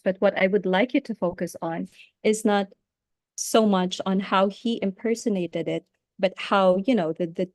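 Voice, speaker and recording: A woman's voice: fairly low pitch, darkish tone, dry recording, clean studio sound. A middle-aged woman from the Philippines with a Philippine English accent, a teacher giving a talk with many restarts. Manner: halting, with many restarts and fillers. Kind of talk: webinar talk.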